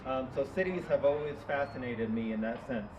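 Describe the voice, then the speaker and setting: A man's voice: mid-range voice, fairly quick. Loose, self-deprecating male speaker from far off. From New York City. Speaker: guest speaker. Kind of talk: casual live talk. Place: live event venue. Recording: dull, distant, echoey, noisy hall.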